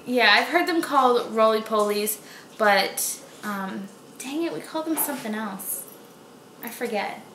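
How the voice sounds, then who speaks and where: A woman's voice: on the high side, lively intonation, measured pace, a bit bright, a little hiss or hum. A woman in her twenties with a light Boston accent, chatting casually and playfully in slangy speech. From Boston area, United States. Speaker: vlogger reading out challenge questions. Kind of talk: casual chat. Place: small room at home, indoors. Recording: roomy home echo.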